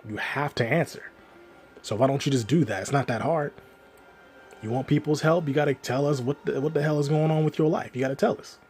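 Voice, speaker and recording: A man's voice: fairly high pitch, brisk, a little mellow, slight background noise. A man giving ranting reaction commentary, scolding and exasperated.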